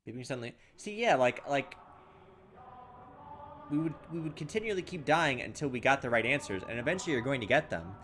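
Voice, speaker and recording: Narrating a horror visual novel, this man reads its text aloud and muses with restarts, a little fed up with the trial and error, as casual let's play commentary. He speaks a little fast in an animated, mid-range, slightly bright voice, with a little hiss or hum on the recording.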